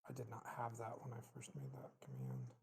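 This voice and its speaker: A server player in casual technical chat, halting and repeating words, with a slight cave-like echo on the voice. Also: mid-range voice, big pitch swings, a little mellow, breathy edge. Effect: slight cave-like echo added to the voice. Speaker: server player on a game talk show.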